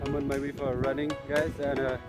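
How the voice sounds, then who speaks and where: Out on an open grass field, a man with a Northeast Indian accent talks casually for his running vlog, hesitating and often repeating himself. His medium-pitched voice is level and brisk, with loud music playing behind it.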